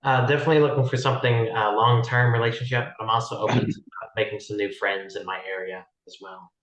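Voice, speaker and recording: A man in his twenties, mid-pitched and relaxed, with a few fillers. His voice sounds roomy, as if the call was recorded in an open space. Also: fast talker, highs cut off. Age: 20s. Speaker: caller.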